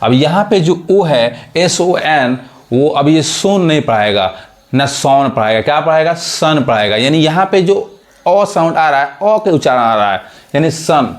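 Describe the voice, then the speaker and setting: Higher-voiced man teaching a lesson. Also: animated, a little slow. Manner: repeats check questions, spells words letter by letter. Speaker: English teacher. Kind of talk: spoken classroom lesson.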